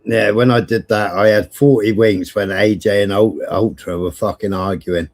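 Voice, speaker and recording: A man's voice: on the low side, fairly even intonation, moderate pace. A British man in casual chat, blunt and sweary, with a teasing streak. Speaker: live stream panellist.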